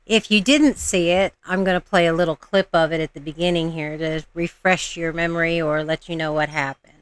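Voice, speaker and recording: A woman's voice: deep voice, steady tone, fairly quick, smooth, no room sound. A woman hosting a casual reaction video, commenting in an exasperated, mocking way. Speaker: host of a reaction video channel.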